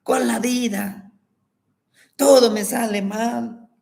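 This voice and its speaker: A man's voice: extremely high pitch, fairly even intonation, takes it slowly, creaky, darkish tone, pitched above the performer's own voice, full character voice. A man voicing an upset young granddaughter who complains in an aggrieved way about unfairness.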